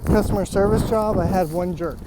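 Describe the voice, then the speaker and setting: A man speaking earnestly and encouragingly in a halting, motivational walk-and-talk vlog, recorded outdoors. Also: high voice, noisy background. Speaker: vlogger. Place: outdoors, walking in rainy weather.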